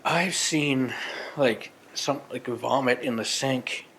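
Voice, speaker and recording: A man's voice: medium pitch, takes it slowly, a bit bright, a little hiss or hum. A man co-hosting a podcast in casual banter, rambling with lots of restarts. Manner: rambling, many restarts and fillers. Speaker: podcast co-host.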